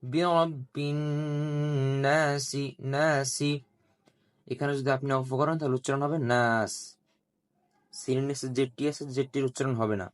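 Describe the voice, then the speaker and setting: A man teaching Quran recitation, spelling out letters and vowel marks and repeating each syllable slowly, with drawn-out melodic chanting of the verses. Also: mid-range voice, fairly even intonation. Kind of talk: slow letter-by-letter recitation lesson.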